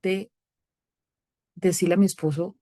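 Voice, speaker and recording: A woman in her thirties speaks as a podcast guest, her voice sitting a little low. She tells personal stories with animated energy and slips into the voices of the people she quotes. The sound is close and dry. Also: measured pace, no echo. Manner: animated storytelling, acting out quoted exchanges. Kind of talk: personal testimony in casual conversation.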